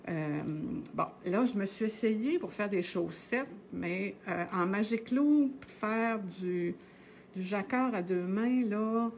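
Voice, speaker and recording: A woman's voice: medium pitch, lively intonation, takes it slowly, darkish tone, a little hiss or hum. Chatty Québécois woman teaching knitting. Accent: Québécois French. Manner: chatty and meandering, with many "euh" and tag "là". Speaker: knitting instructor on a live stream. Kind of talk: casual live knitting tutorial.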